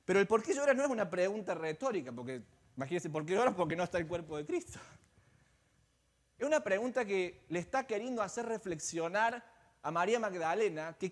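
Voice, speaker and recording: Male pastor, high voice, dramatic sermon storyteller who drops to near-whispers, long church-hall echo. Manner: dramatic storytelling, swinging between loud and hushed. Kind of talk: Easter sermon. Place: church sanctuary.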